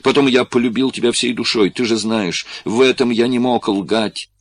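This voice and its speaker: A man voicing a trapped young man who begs and shouts in panic, in an audiobook reading. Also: mid-range voice, fairly even intonation, extremely slow, voice pushed up. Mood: desperate pleading. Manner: frantic pleading shouts.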